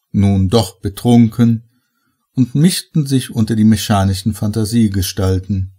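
A man reading a horror story aloud as narrator, slow and measured. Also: on the low side, mellow, breathy edge. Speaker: audiobook reader.

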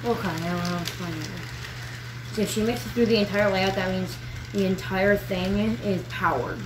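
A woman's voice: medium pitch, steady tone, moderate pace. A woman hosting a hobby video, chatting casually at home in a rambling, giggly way with many fillers. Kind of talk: casual chat while working on a hobby. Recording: noticeable background noise.

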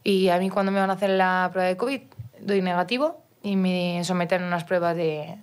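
A young woman from Mallorca talks as a podcast guest, her voice sitting a little low. She tells her story casually, breaking off and restarting and acting out what people said to her. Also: steady tone, a little fast, clean tone. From Mallorca, Spain. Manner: storytelling with many restarts and quoted dialogue. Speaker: guest, professional footballer. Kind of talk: casual interview chat.

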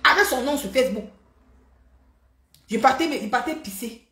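A woman hosting a live stream, talking in an animated, mocking, repetitive way. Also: high voice, normal speed, roomy sound. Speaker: livestream host. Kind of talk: heated live-stream rant.

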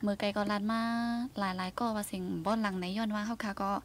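A woman hosts a casual radio talk show and addresses listeners directly. She talks fast and briskly in a mid-range voice. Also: mid-range voice, flat delivery. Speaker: radio host.

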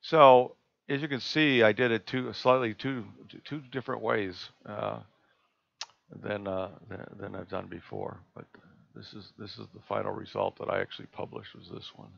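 A man presenting a live screen-share tutorial on a video call, talking in a relaxed, halting way with many fillers and restarts. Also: on the low side, vocal fry, no room sound. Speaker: astronomy club presenter. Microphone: computer mic on a video call. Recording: dull lo-fi video call audio.

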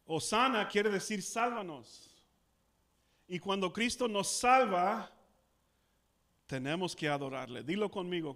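High-voiced pastor preaching in two languages. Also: male voice, a bit bright. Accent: South Texas Spanish. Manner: repeats each point in both languages, leads call-and-response. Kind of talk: bilingual sermon, Spanish then English. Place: church.

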